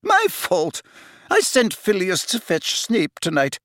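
Guy doing an older lady professor for an audiobook, high voice, all shaken and wavery, tearful. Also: wildly swooping pitch, slow pace, a bit bright, no room sound, clean studio sound, full character voice. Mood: guilty distress. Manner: faint, wavering, distracted. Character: older stern woman professor, shocked, tearful, distraught.

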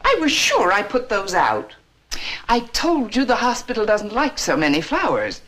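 An actress playing a brisk, matter-of-fact veteran hospital nurse who is baffled, in 1960s sitcom style. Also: female voice, medium pitch, wildly swooping pitch, a bit bright.

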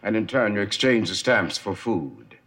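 An actor playing a formal, sardonic butler with a dry delivery. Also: male voice, fairly low pitch, lively intonation, moderate pace. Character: dry, unflappable male butler. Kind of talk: sitcom acting. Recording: loud studio audience laughter.

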